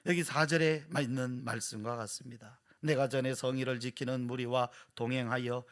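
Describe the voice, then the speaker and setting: A man preaching a sermon as pastor at a church service, dramatic and expressive, swinging from loud emphasis to hushed whispers. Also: medium pitch, moderate pace.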